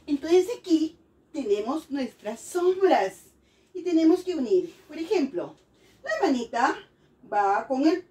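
High-pitched lady teacher, singsong with little kids, mic kinda far off. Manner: animated, singsong, coaxing children. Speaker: teacher of young children. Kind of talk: playful online lesson for children.

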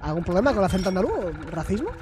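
Streamer from Spain, Spanish accent, casual let's-play, swears, mid pitch, light background noise. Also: lively intonation, rapid-fire, darkish tone. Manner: swears freely, exclaims at the game. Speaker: gaming streamer.

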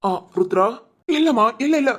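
A woman voicing a remorseful young man who apologizes softly and pleads. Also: on the high side, expressive, normal speed.

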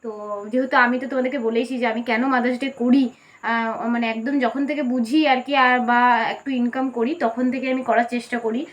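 A woman chatting casually and at length to her vlog viewers, her voice hoarse from a cold. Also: on the high side, little pitch movement, quick pace. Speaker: vlogger.

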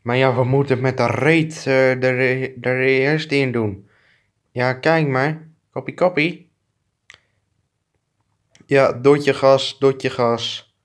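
A man's voice: medium pitch, fairly even intonation, takes it slowly, long pauses, natural voice. A man improvising a comic fan dub of two clumsy adult male neighbors who bicker, trading crude insults and swearing. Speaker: fan dubber.

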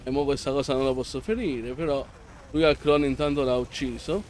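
A man hosting a let's play, commenting excitably and yelling and pleading at the boss. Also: mid-range voice, fairly quick, a little hiss or hum. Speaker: gameplay channel host.

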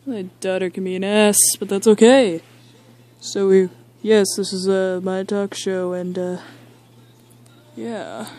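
A girl voicing a boastful, deadpan dad toy who hosts a chaotic talk show in an amateur toy skit. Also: medium pitch, close to an everyday voice. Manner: slow, boastful, deadpan rambling. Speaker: talk show host figure.

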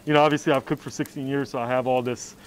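A man in his thirties, a chef, explaining his cooking in a relaxed way with many fillers. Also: mid-range voice, rapid-fire, slight background noise. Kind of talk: documentary interview. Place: rooftop grill, outdoors.

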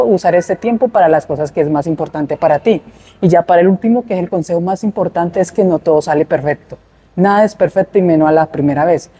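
On the high side yet mellow and husky, this young adult man chats to camera as a fitness vlogger. He keeps it casual and upbeat between sets at a large indoor gym, and later walks through a shopping mall.

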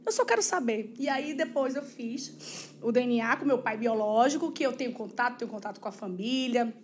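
A woman's voice: on the high side, a little fast, slight background noise. A woman with a Brazilian Portuguese accent, a podcast guest telling a personal story in an earnest, emotional way and acting out the voices of people she quotes. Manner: acts out quoted dialogue. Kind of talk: personal storytelling in a casual interview.

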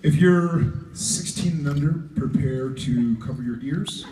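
A man's voice: fairly high pitch, measured pace. A man on a convention panel tossing off teasing, sarcastic quips. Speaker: panel guest. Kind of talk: joking banter on stage. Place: convention hall stage. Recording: roomy hall, far off, loud crowd and noise.

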